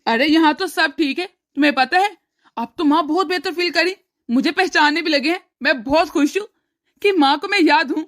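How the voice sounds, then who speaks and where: A woman voicing a cheerful, kind grown brother on a phone call in a cartoon story, speaking warmly and reassuringly. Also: sits high, moderate pace.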